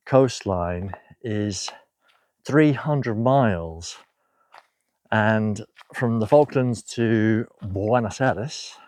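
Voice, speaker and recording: A man's voice: medium pitch, a little mellow, no echo. A man talking casually to camera, chatty and digressive, with asides and rhetorical questions. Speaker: video host. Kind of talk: casual spoken commentary.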